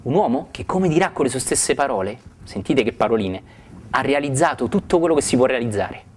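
Marveling spiritual teacher. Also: male voice, mid-range voice, lively intonation, brisk, a little hiss or hum. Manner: warm, marveling, asides to the listeners. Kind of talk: spiritual talk retelling a story.

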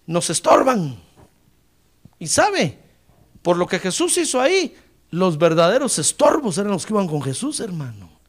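A man preaching a sermon as pastor, surging and dropping in loudness, often calling his listeners brother. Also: creaky. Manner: preaching with sudden surges and drops in pitch and volume; repeatedly addresses listeners as brother.

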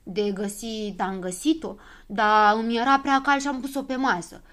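A woman's voice: on the high side, steady tone, fairly bright tone, lightly acted. A woman voicing a forgetful little male gnome in a storybook reading. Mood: sheepish.

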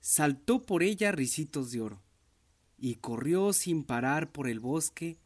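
A man's voice: a little high, a little slow. Man reading a fairy tale. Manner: expressive, child-friendly reading. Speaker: storyteller.

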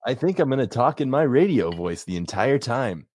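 A man's voice: mid-range voice, very animated, normal speed, darkish tone, no room sound, clean studio sound. Upbeat man hosting a tabletop game. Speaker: dungeon master and podcast host. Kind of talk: podcast intro and game talk.

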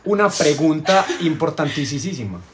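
A man's voice: on the high side, lively intonation, a little slow, noisy background. A man hosting a casual podcast, playful and teasing, laughing often. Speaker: podcast host. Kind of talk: casual joking chat.

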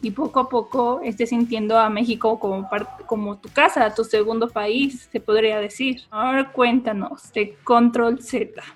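A woman's voice: a little high, fairly even intonation, moderate pace, few pauses, soft background music. A woman co-hosting a podcast, asking friendly questions with some hesitation. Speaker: podcast co-host. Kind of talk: casual podcast interview.

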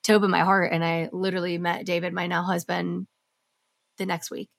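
A woman talking as a podcast guest in a somewhat low voice. She speaks candidly and with passion, and swears freely. Her talk is casual and unscripted. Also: little pitch movement, fairly quick, vocal fry. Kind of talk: casual interview chat.

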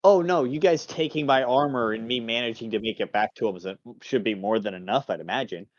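A man doing a shrewd captive spy, steady and measured in his answers. The sound is dull and lo-fi, with a very dry, close feel. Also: mid-range voice, no room sound, natural voice. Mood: matter-of-fact. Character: shrewd male captive spy, calm and loyal to his lord. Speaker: game master. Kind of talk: tabletop role-play.

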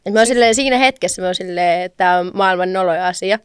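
A woman with a Finnish accent co-hosting a podcast in casual chat, relaxed and agreeable. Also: on the low side, clear, resonant tone, no echo, clean studio sound.

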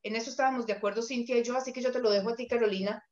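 A woman's voice: fairly high pitch, fairly even intonation, racing, darkish tone. A woman from Colombia with a Colombian accent, hosting as an immigration consultant and thinking aloud as she talks. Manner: thinks aloud, searches for words. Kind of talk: casual chat. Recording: roomy, dull call audio.

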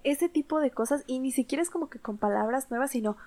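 A young woman, co-hosting a casual podcast chat in a lively, emphatic way. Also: sits high, fast, over a noisy crowd. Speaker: podcast co-host.

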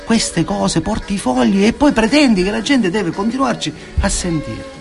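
Male radio co-host, a bit high-pitched, needling teaser, music bed behind. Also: lively intonation, normal speed, gravelly. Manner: teasing, needling. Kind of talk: casual radio banter.

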